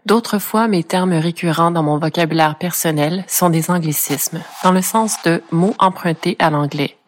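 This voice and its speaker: A middle-aged woman with a Franco-Ontarian French accent reads her own scripted podcast narration. Her voice sits a little low, and her delivery is measured and reflective. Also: a little hiss or hum. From Ontario, Canada. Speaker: podcast host.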